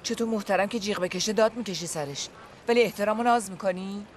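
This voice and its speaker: A woman's voice: mid-range voice, a little hiss or hum, close to an everyday voice. An actress in a TV drama playing a mother who complains to her son about his father's unfairness, in a reproachful way. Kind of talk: TV drama acting.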